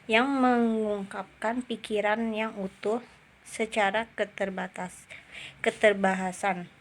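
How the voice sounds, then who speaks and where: A young woman student gives a class presentation in a careful, measured reading voice. Her pitch sits in an ordinary middle range, and now and then she pauses on a small filler. A faint hiss of background noise runs under the recording. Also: fairly even intonation.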